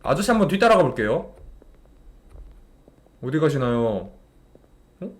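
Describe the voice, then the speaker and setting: Young man, game streamer; high, animated delivery, exasperated commentary to chat. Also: a little slow. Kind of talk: live gameplay commentary to chat.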